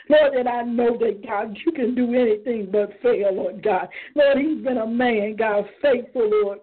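A woman's voice: on the high side, husky. A woman leading a fervent spontaneous prayer in a rhythmic chant, punctuating every phrase with "Lord God". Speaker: prayer leader on a prayer line. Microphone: phone. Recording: tinny phone line.

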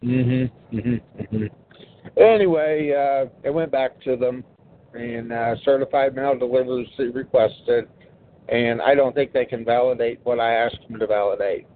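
A man's voice: mid-range voice, unhurried, slight background noise. A man from West Virginia calling into a show, heard over a phone speaker, talking in a plain, informal, matter-of-fact way. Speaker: caller. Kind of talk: casual call-in chat. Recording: tinny speakerphone line.

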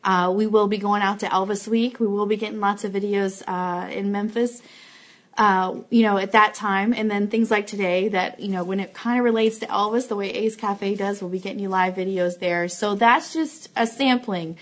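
In an office, a woman hosts a fan livestream, casually chatting with viewers while making announcements and thanking them. Her mid-range voice keeps a steady tone at a moderate pace.

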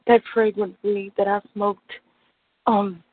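A woman who is high on weed, talking in a languid, drifting stoner manner in a relaxed personal monologue. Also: slow, no room sound. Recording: thin, narrow phone line.

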